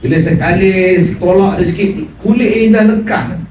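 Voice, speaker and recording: Animated preacher in an echoey hall. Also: male voice, moderate pace. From Malaysia. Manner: animated storytelling, acting out dialogue with sharp pitch swings. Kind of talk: sermon. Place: prayer hall. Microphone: phone recording from the audience. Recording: echoey hall from far off with room noise.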